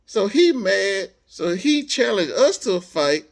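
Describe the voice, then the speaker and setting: High-pitched and creaky, an American man's voice moves at a measured pace as he casually tells a story about himself. The speech is animated and slangy, and he performs snippets of dialogue as he goes.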